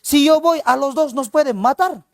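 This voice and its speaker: A man's voice: very high-pitched, moderate pace, gravelly, no room sound, studio quality, voice pushed up. A male teacher playing a cautious royal adviser who warns in an anxious tone. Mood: warning.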